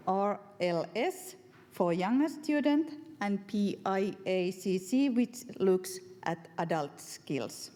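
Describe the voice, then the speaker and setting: Slow-speaking woman with a Finnish accent, echoing hall. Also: mid-range voice, mellow. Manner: measured, careful phrasing in non-native English. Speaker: education official and professor giving a presentation. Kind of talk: formal prepared presentation. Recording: reverberant hall.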